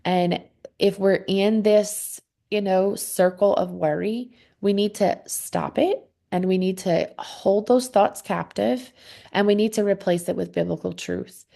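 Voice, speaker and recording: A woman's voice: medium pitch, measured pace, creaky, mellow. A woman leading a casual Bible study, talking conversationally with frequent "um"s and "okay?" check-ins.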